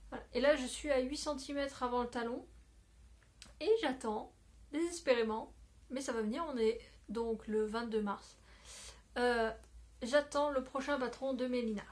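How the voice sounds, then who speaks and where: Woman chatting to her phone at home, slightly high voice, rambly, lots of euh. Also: moderate pace. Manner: chatty, rambling, many fillers and self-corrections. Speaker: knitting podcaster. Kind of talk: casual video chat. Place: at home, indoors. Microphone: phone camera.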